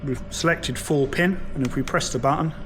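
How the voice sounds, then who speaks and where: Speaking at a normal speed, the man's voice sits on the high side. As a mechanic presenter in a vehicle workshop, he leads a casual, step-by-step hands-on lesson against a noisy workshop backdrop.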